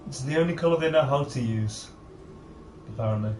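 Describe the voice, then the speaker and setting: A man giving casual let's-play commentary, halting and restarting, repeating his words. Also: medium pitch, a little mellow, far from the mic. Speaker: co-host of a gaming video. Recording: roomy, off-mic, faint noise.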